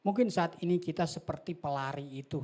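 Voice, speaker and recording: A man preaching a sermon as a pastor in a church hall, impassioned, swinging between near-shouts and whispers. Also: on the high side, a little fast.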